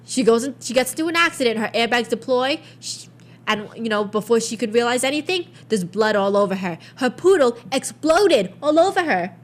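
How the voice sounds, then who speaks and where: A young woman co-hosting a casual chat show, telling animated stories full of "like" and swearing. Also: on the high side, a little fast. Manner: animated storyteller, swears freely, lots of "like". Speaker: podcast co-host.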